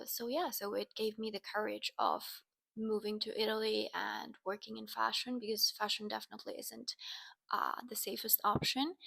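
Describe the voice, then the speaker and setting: A woman, talking in a relaxed, chatty way in a casual personal vlog and sometimes drifting into soft, breathy asides. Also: mid-range voice. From Finland. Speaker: vlogger.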